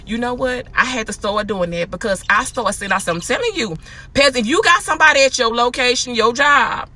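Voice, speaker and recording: A woman in casual spoken advice, chatty and animated, acting out quotes. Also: fairly high pitch, a little fast. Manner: chatty, animated, laughs often, acts out quotes. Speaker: host.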